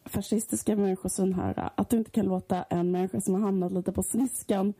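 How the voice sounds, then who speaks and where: Husky, gravelly woman chatting. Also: medium pitch. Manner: animated storyteller, chatty with fillers. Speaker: podcast co-host. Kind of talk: casual chat.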